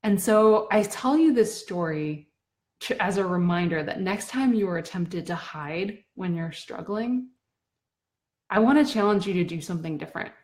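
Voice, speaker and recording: Woman, 30s, slightly low pitch, earnest reflective storyteller. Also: expressive, moderate pace, a little mellow. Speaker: blogger sharing a personal story. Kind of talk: reflective personal talk to camera.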